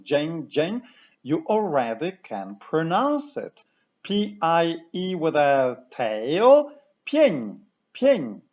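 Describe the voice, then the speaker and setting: A man teaching pronunciation patiently, saying each word slowly and repeating it for the listener to copy. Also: fairly high pitch, muffled recording. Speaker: language teacher. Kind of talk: slow, clear pronunciation lesson.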